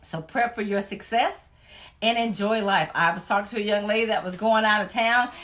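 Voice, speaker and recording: A woman's voice: medium pitch, moderate pace, a bit bright, faint music behind. A woman from Louisiana, giving an emphatic, folksy motivational talk as a weight-loss vlogger.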